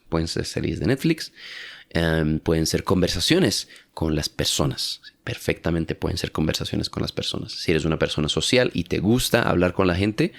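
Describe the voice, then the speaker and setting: A man's voice: deep voice, gravelly, no echo, clean studio sound. A young Colombian man explaining casually in a rambling, self-correcting monologue with frequent tag questions. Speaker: language-learning YouTuber.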